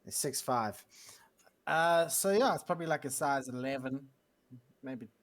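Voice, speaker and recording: A man's voice: mid-range voice, animated, unhurried. A man chatting casually as a player in a tabletop game, hesitant and giggly.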